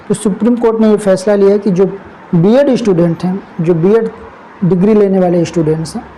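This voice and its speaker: A man's voice: sits high, warm tone, a little hiss or hum, rough recording. A man presenting a spoken commentary video, talking earnestly and appealingly, often repeating phrases as he searches for words.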